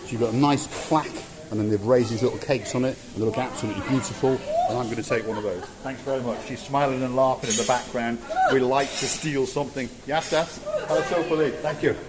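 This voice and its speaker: A man's voice: medium pitch, fairly even intonation, fast talker, few pauses. Gushing older man touring a hotel. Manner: enthusiastic, repeats praise words. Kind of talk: casual walk-around commentary. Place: outdoors and indoors in a hotel, walking.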